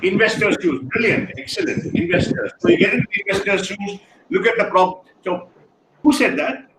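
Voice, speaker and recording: A man giving an energetic online lecture, firing questions at students and praising their answers. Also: high-pitched, normal speed, vocal fry. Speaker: guest speaker. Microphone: video call. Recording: echoey room, faint noise.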